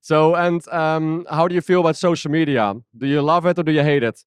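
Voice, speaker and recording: A man's voice: a little high, steady tone, brisk, clear, resonant tone, dry recording. A man hosting a podcast, asking questions with short encouraging replies. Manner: brief encouraging replies, laughs often. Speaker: podcast host and interviewer. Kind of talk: casual interview.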